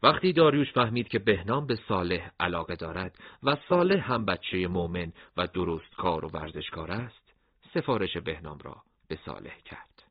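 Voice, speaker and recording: Low-voiced man narrating a story. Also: expressive, breathy edge, no echo. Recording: dull lo-fi recording.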